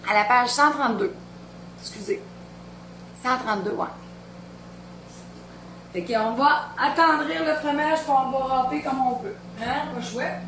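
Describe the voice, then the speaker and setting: A chatty woman in her thirties with a Beauce Quebec French accent rambles as she cooks and talks with family off camera. Her voice sits a bit high. The kitchen sounds echoey, with steady noise behind her. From Quebec, Beauce region. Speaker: home cooking vlogger. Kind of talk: casual kitchen chat. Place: home kitchen.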